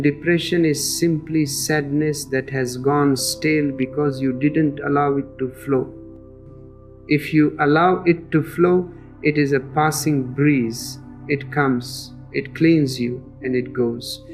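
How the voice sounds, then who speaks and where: A man giving a spiritual discourse in a slow, measured and emphatic way. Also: on the high side, steady tone. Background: faint guitar music.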